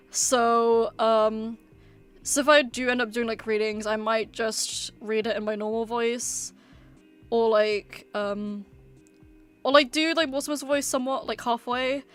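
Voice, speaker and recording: Woman streaming, casual chat, lots of um and like, kinda high voice. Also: a bit bright. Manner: rambling, hesitant, many fillers. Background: faint background music.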